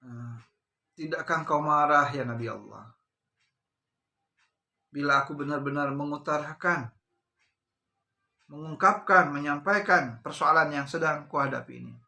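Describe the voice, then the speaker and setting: Brief: a remorseful, pleading woman, voiced by a male preacher, hushed and halting, with a bright edge. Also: fairly high pitch, gravelly, full character voice. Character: weeping remorseful woman confessing a sin.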